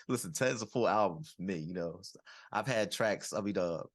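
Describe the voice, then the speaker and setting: A man's voice: low voice, animated, normal speed, no echo, clean studio sound. A young man in his twenties hosting a podcast, asking questions in a rambling casual way. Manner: rambling, many fillers and restarts. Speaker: podcast host. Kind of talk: casual interview.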